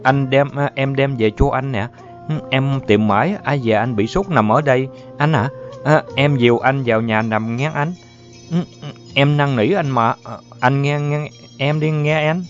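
A man voicing a tender, worried young woman who pleads softly with her sick lover. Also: mid-range voice, moderate pace, pitched above the performer's own voice, natural voice. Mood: pleading. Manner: pleading, soft and fussing. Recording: dull lo-fi audio, faint music.

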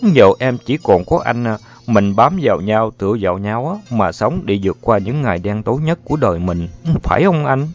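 A man voicing a tender, worried young woman who pleads softly with her sick lover. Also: on the low side, very animated, moderate pace, hardly any pauses. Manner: pleading, soft and fussing. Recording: dull lo-fi audio, faint music.

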